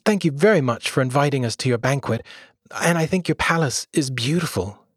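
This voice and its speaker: A man's voice: mid-range voice, lively intonation, fairly quick, husky, dry recording, clean studio sound, pitched above the performer's own voice. A man voicing a shy, polite young boy in a storybook reading, with a raised, hesitant voice. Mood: timid.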